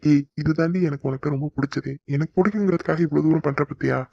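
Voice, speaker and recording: A man's voice: a little high, fast talker, creaky, darkish tone, dry recording, highs cut off. A man voicing an affectionate young husband in a cartoon who coaxes his wife in a tender way. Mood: tender, coaxing. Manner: tender, coaxing. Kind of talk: cartoon voice acting.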